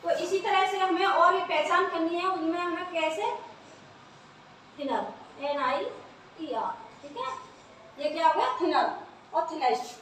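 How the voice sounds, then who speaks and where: A woman's voice: very high-pitched, lively intonation, unhurried, long pauses, a bit bright, slight background noise. A woman teaching English grammar in a classroom lesson, spelling words out letter by letter and answering her own questions. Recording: echoey room, voice from far off.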